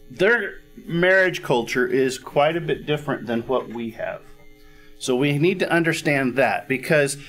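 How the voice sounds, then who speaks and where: A middle-aged male pastor preaches slowly and deliberately, in a slightly raised voice. He talks conversationally, often pausing to ask if everyone is following, and clears his throat now and then. Faint instrumental music plays softly behind him. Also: fairly high pitch. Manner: conversational teaching, frequent "all right?" check-ins. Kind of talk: sermon. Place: church stage with a cozy fireplace set.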